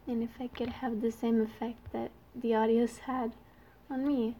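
A woman's voice: a little high, little pitch movement, measured pace, mellow, dull audio, slight background noise. A 22-year-old woman from Canada, a native French speaker with a Quebec French accent, chatting casually and shyly to her listeners in a youthful-sounding voice. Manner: shy, hesitant, giggly. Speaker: amateur audio creator.

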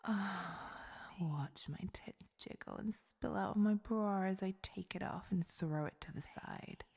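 A woman voicing a seductive, domineering goddess in an adult ASMR role-play, with a breathy, creaky goddess voice and a commanding, sensual manner. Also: medium pitch, a little slow, darkish tone. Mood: teasing, sensual.

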